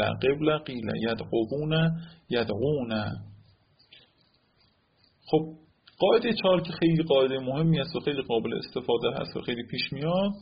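A husky-voiced man teaches a grammar lesson at a medium pitch. He keeps checking in with rhetorical questions and draws out example words slowly. The recording sounds dull and lo-fi. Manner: asks the class rhetorical check questions like "right?"; repeats example words slowly, drawing them out. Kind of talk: Arabic morphology lesson.

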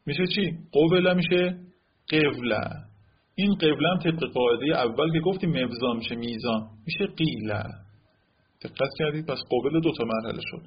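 Husky male teacher drilling grammar rules. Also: medium pitch, highs cut off. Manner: asks the class rhetorical check questions like "right?"; repeats example words slowly, drawing them out. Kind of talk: Arabic morphology lesson.

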